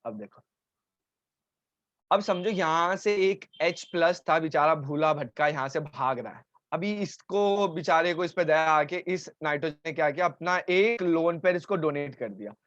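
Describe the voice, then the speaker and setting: Indian chem teacher guy on a live class, sore throat, fairly high voice, dull dry stream audio. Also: normal speed, a bit bright, dry recording. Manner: talks to students, breaking off to answer chat complaints. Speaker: chemistry teacher. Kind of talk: live online chemistry lesson. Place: home, streaming over mobile data.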